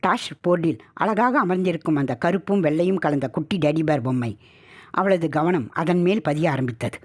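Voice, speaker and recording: A woman narrates a scripted story with expressive storytelling. Her voice sits low and has a husky, breathy grain. Her intonation rises and falls widely.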